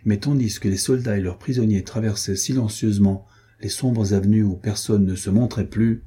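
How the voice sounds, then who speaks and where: A man narrating a classic adventure novel in a measured, even reading voice. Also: lowish voice, slightly rough. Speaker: audiobook narrator.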